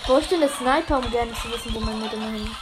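A woman's voice: fairly high pitch, fast. A woman playing a video game with a friend, teasing and matter-of-fact in casual chat. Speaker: gamer. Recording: game music behind.

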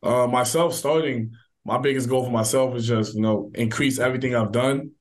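Young football player guy talking real fast, laid back, lots of likes and you knows. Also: medium pitch. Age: young adult. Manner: relaxed, filler-heavy, quick talk. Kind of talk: casual interview answers.

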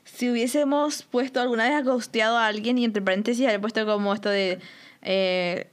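A young woman with a Chilean Spanish accent co-hosting a podcast, telling stories in animated, slang-heavy, swearing chatter. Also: on the high side, brisk. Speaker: podcast co-host. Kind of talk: casual podcast chat.

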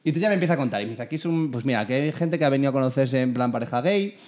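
A man's voice: mid-range voice, racing. A man from Spain telling an anecdote in a casual podcast chat, acting out the dialogue and laughing often. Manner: animated storyteller, acts out dialogue, laughs often. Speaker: podcast host.

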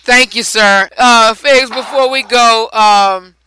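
A man's voice: very high voice, steady tone, slow pace, pushed and bright, slight background noise, low-quality recording. A man hosting a talk show in a casual interview, chatty and rambling and often restarting his sentences.

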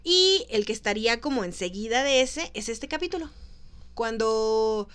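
A woman's voice: a little high, expressive, normal speed, fairly bright tone, smooth. A woman with a Mexican accent, co-hosting a casual chat and retelling a sitcom episode. She laughs often and acts out the characters' lines. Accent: Mexican Spanish. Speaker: podcast co-host.

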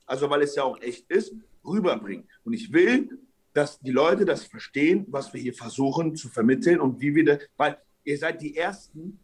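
A man's voice: on the high side, expressive, normal speed, husky. A young man, bantering casually with friends in crude, slangy street talk.

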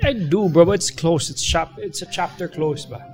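A man's voice: on the high side, normal speed, music in the background. A man in his thirties in easygoing casual chat, now and then mixing in a Filipino word. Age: 30s. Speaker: former racer.

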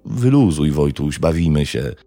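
A man voicing a young partygoer trying to calm a drunk friend. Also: measured pace, creaky, husky, no room sound, soft background music, heavily acted. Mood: placating. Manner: placating, low-key.

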